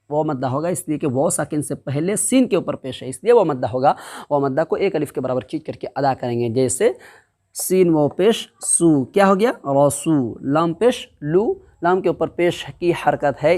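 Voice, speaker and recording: A man teaching Quran reading in a step-by-step lesson. He, drills the syllables slowly and asks and answers his own questions. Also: fairly high pitch, darkish tone.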